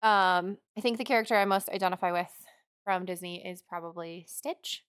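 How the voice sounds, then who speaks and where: A woman's voice: lowish voice, moderate pace, fairly bright tone, clean tone, no room sound, studio quality. A young woman from Oregon, a podcast co-host, chatting in an easygoing way with lots of ums. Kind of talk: casual chat.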